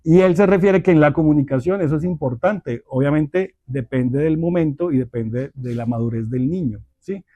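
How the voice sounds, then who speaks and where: A man teaching a church parenting class, speaking in a measured, deliberate way and often checking in with his listeners. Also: a little high, dark tone, dry recording, highs cut off. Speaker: Bible study teacher.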